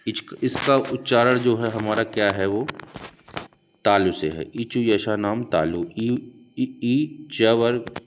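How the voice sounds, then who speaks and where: Slow, low-voiced Hindi teacher. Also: male voice, noisy background. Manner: slow, repeats mnemonics aloud. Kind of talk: exam prep lecture.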